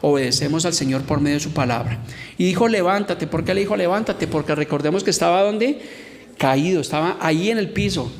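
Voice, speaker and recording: A middle-aged man preaching a sermon in an earnest teaching tone, slowing down to read scripture and act out its lines. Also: a little high. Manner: earnest teaching tone, reads scripture and acts out quotes slowly. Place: church hall. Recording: reverberant church hall with faint background noise.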